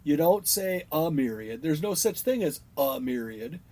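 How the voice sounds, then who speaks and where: A man's voice: a little high, sing-song, normal speed, dark tone. A man co-hosting a podcast in casual chat, telling a rambling story, swearing and laughing hard. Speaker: podcast co-host.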